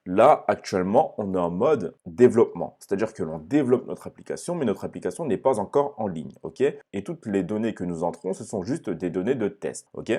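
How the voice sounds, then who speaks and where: A young man giving a step-by-step screen-share software lesson, often pausing to check in with "ok?". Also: low-pitched, lively intonation, slightly rough. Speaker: online course instructor.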